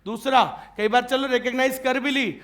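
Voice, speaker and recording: A man lectures his class in a very high voice. He teases his students with jokes and keeps asking whether they follow. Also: fairly even intonation, a little fast, fairly bright tone. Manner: checks often that students follow; joking and teasing with students. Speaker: teacher.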